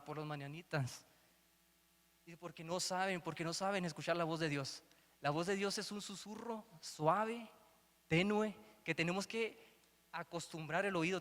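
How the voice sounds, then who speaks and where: A man's voice: high-pitched, a bit bright. A man preaching a sermon, telling a Bible story and acting out its dialogue. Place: church hall. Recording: long hall reverb.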